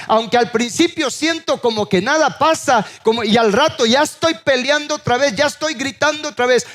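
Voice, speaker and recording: Earnest high-voiced male pastor preaching. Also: a bit bright. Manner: earnest, pleading, repeats phrases. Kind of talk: sermon.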